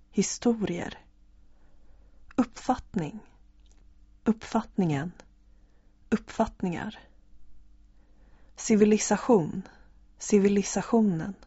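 A woman reading a vocabulary list word by word, slowly and evenly, as a language lesson drill. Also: medium pitch, warm tone, breathy edge, no room sound. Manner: reads single words slowly and evenly. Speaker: language teacher. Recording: dull lo-fi recording.

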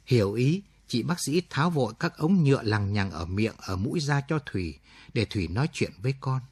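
A man narrating a late-night radio story in a measured, somber reading. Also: medium pitch, animated, a little mellow, breathy edge, no echo.

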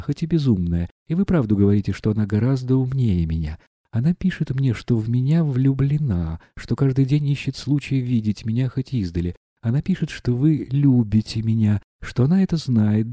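Мужчина-чтец, озвучивающий гордую страстную молодую дворянку, говорит взволнованно и с упрёком. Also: male voice, medium pitch, mellow, no room sound, natural voice. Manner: agitated, reproachful questioning. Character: proud passionate young noblewoman.

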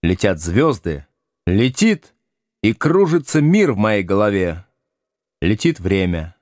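A man narrating a novel as an expressive audiobook reading. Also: lowish voice, slow, dry recording, clean studio sound. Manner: lively, acts out the dialogue. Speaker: audiobook reader.

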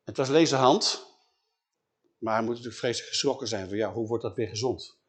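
A man retelling a Bible story in an animated way, often checking in with his listeners. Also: medium pitch, brisk, husky.

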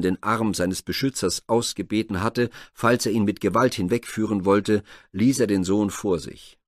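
A man narrating a classic Greek myth as a scripted audiobook reading, measured and formal. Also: lowish voice, no echo, clean studio sound.

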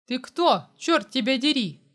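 A woman's voice: a little high, animated, moderate pace, fairly bright tone. Woman voicing a blunt, menacing male mercenary. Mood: gruff.

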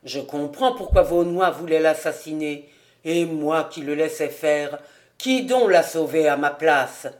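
A woman voicing a rough old charcoal burner, a remorseful father, speaking low and slowly as if to himself. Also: a little mellow. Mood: brooding. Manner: low, slow, murmured as if to himself. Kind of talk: audiobook character reading.

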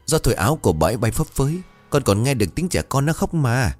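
A man's voice: mid-range voice, big pitch swings, fast talker, a little mellow, faint music behind, voice pushed up. A man voicing a timid young male servant who stammers politely and sounds frightened. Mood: nervous.

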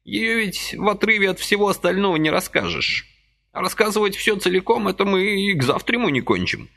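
A man putting on a high, fussy frail old man. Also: animated, fairly quick, gravelly, bright, forceful tone, exaggerated voice. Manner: high, fluttering, apologetic.

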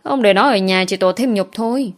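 A woman's voice: medium pitch, normal speed, faint music behind, natural voice. A woman voicing a lecherous old male landlord who talks bluntly and mockingly. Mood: scornful.

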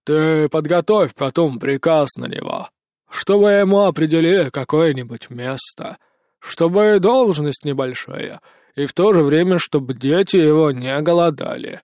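A man putting on a slow, gruff president. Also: lively intonation, darkish tone, no room sound, studio quality. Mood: commanding. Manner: slow, low, commanding drawl.

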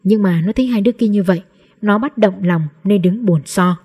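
A woman reading a novel aloud in a steady, measured storybook narration. Her voice is dark and mellow, with a husky grain. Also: mid-range voice. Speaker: audiobook narrator.

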